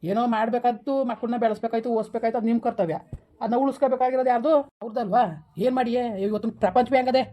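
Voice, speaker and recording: A woman playing a stern, rapid-fire village woman. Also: a little high, steady tone, close to an everyday voice. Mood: consoling. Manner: scolding, hushing others, rapid-fire. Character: stern village woman, scolding and consoling relatives. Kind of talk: village family skit acting.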